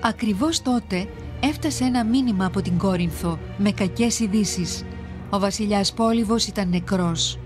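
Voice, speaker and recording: A woman giving steady, measured scripted narration for a children's series on ancient myths. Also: mid-range voice, music in the background.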